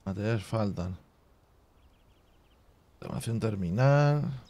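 A man's voice: lowish voice, expressive, slow pace, mellow. Chatty man thinking aloud over a game. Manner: thinks aloud, reading game menus half to himself; chatty asides to viewers with filler tags like "tío". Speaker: gaming channel host. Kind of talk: casual let's play commentary.

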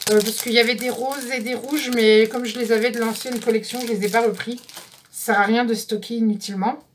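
A woman's voice: on the high side, fairly even intonation, a little fast, a little hiss or hum. A woman vlogger chatting casually through a craft supply haul, describing each item one by one and correcting herself as she goes. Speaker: scrapbooking vlogger.

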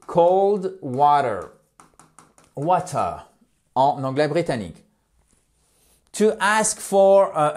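Slow, careful male English teacher. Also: medium pitch. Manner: slow, deliberate model phrases with explanations. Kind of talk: French-language English lesson.

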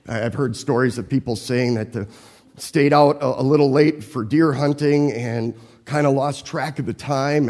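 A man's voice: medium pitch, darkish tone, big-room sound. A man preaching a sermon, telling a personal story in a conversational way and asking his listeners questions. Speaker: pastor.

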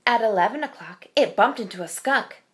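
A woman in her thirties reading a children's picture book aloud at home in front of a webcam, expressive and slowing for suspense. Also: a little high. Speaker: storyteller. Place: home room with shelf.

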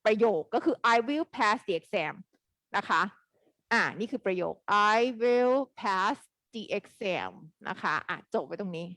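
A woman teaching an English grammar lesson live online, quizzing her students in a lively way. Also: medium pitch, a little fast, no room sound.

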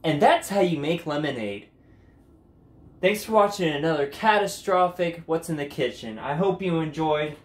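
A young man hosting a comedic home cooking vlog, goofy and jokey, sometimes breaking into loud mock commands, filmed in his kitchen on a camera mic. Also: fairly high pitch, expressive, moderate pace, roomy sound. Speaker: cooking video host.

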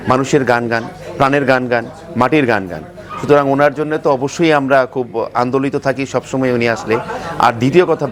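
Fast-talking Bangladeshi man with crowd behind. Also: medium pitch. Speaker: expatriate community member. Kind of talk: spoken interview comment.

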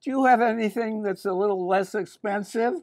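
An older man voicing a polite, dreamy little girl shopping for a hat in a storybook, his voice raised high and sweet. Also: a little fast, a little mellow, no echo, clean studio sound.

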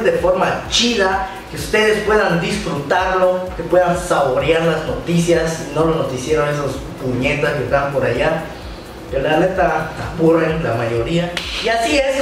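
A young Mexican man with a Mexican Spanish accent, talking high and loose as he runs a slangy news chat for his channel. His voice bounces around a bare, very echoey room, picked up from a distance with a faint hiss behind. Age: young adult. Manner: loose, joking, full of slang and fillers. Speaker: YouTuber hosting a news segment. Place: small indoor room, bedroom studio.

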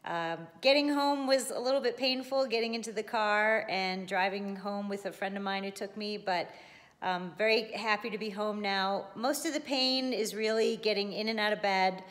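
A woman's voice: medium pitch, moderate pace, fairly bright tone. Middle-aged woman, reverberant home video diary. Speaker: vlogger. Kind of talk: casual video diary update. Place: indoors, open high-ceilinged living room and kitchen at home. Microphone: handheld phone at arm's length. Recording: long room reverb.

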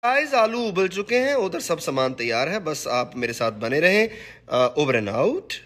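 A young man hosting a casual cooking vlog, slightly hoarse, chatty and joking, mixing English words into his talk. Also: on the high side, big pitch swings, measured pace, a bit bright. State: slightly hoarse from singing practice. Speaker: cooking vlogger.

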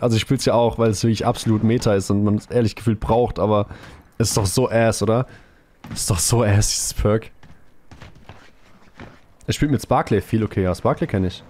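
A young man streaming a shooter game live, chatting casually with viewers in a slangy, excitable way, with gunfire from the game behind him. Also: fairly low pitch, slight background noise.

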